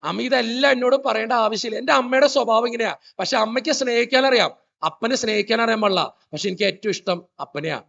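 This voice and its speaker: High gravelly priest telling funny stories. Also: male voice, fast talker, a bit bright, highs cut off. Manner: storytelling, joking, quizzing the audience. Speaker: priest giving a motivational talk. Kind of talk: humorous motivational church talk. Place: church hall.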